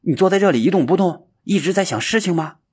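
A jumpy young villager, as a man puts him on, stammering and exclaiming in a raised voice. His voice is hoarse and husky and swings up and down a lot. He is an easily frightened storybook lad. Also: fairly high pitch, very animated, normal speed, pitched above the performer's own voice, exaggerated voice. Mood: exasperated.

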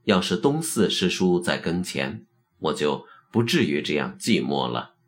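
A man's voice: deep voice, sing-song, measured pace. A man voicing a blunt young Zen disciple. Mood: direct. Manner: plain-spoken, direct.

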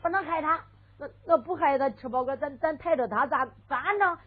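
A scrappy beggar man who talks in a chatty, cheeky way, as a woman storyteller puts him on. The high voice has a Henan accent, and the sound is thin and phone-like with faint music underneath. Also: fairly quick, close to an everyday voice. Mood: coaxing.

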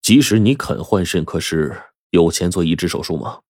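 A man's voice: low-pitched, darkish tone, no echo, studio quality. A man voicing a middle-aged village schoolteacher who sighs and weighs his words while hatching a plan. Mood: sighing. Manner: sighing, measured.

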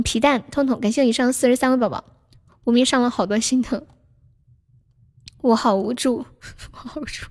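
A woman's voice: a little high, darkish tone. A young woman hosting a casual livestream, chatting with viewers, laughing often and reading out their names. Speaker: livestream host.

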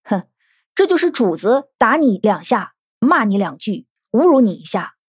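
A woman's voice: mid-range voice, very animated, normal speed, breathy edge, dry recording, studio quality. A woman giving podcast commentary on a classic novel, analytical and full of rhetorical questions. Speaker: literature commentator.

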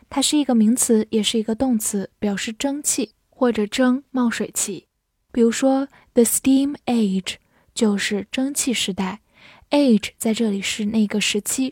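A woman teaching English vocabulary, spelling out words and reading example sentences slowly and carefully. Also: fairly high pitch, dark tone, no room sound, studio quality. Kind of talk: vocabulary lesson.

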